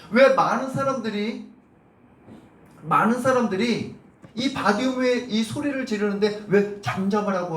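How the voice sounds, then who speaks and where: A high-voiced male pastor delivers an animated Sunday sermon, acting out the shouts of the crowd and putting questions to his congregation. The sound is roomy and comes from a mic some way off in the church, with a faint hum behind him. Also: recorded from a distance. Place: church sanctuary.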